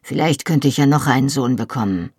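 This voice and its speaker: A reader putting on a scheming Highland chieftain from an audiobook, speaking low and insinuating. The voice is gravelly and a little husky, recorded dry and close. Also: male voice, a little fast, no echo. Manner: quiet, insinuating. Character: sardonic scheming Highland chieftain, man, middle-aged. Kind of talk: audiobook character voice.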